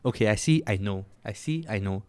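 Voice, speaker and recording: A young man, co-hosting a casual podcast chat. He talks in rushed run-on sentences with lots of fillers and sounds out of breath. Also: fairly low pitch, lively intonation, a little mellow, slight background noise. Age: young adult. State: out of breath and shivering from cold. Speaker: podcast co-host.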